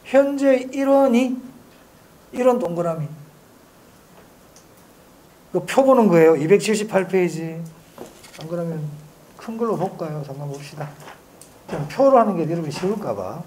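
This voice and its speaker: Lively high-voiced male lecturer. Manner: drills students with quick repeated questions; stretches key phrases slowly for emphasis. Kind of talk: exam-prep lecture.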